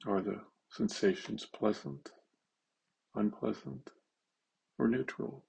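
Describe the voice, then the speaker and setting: A man leading a slow guided meditation, halting, with long pauses and simple phrasing. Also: on the low side, vocal fry, a little mellow, breathy edge, low-quality recording.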